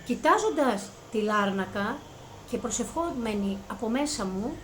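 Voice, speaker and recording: Earnest high-voiced woman telling her story. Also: slight background noise. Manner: earnest, rising to high-pitched excitement when reliving events. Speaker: vlogger recounting a personal experience. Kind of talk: emotional personal testimony.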